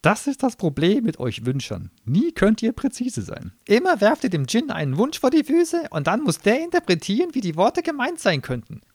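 A shrill, mocking little gnome demon shoots up high and swings his pitch wildly as he sneers. His voice sits dry and close, sarcastic and quick to temper. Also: huge pitch swings, no room sound, exaggerated voice. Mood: pedantic. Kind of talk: audiobook reading.

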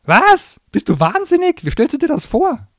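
A shrill, mocking little gnome demon shoots up high and swings his pitch wildly as he sneers. His voice sits dry and close, sarcastic and quick to temper. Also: huge pitch swings, darkish tone, no echo, exaggerated voice. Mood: panicked. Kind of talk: audiobook reading.

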